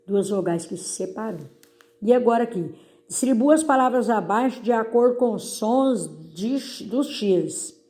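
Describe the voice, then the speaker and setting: A middle-aged woman, a teacher going over exercises in a recorded lesson and stressing each word slowly for her pupils. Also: a little high, animated, dark tone.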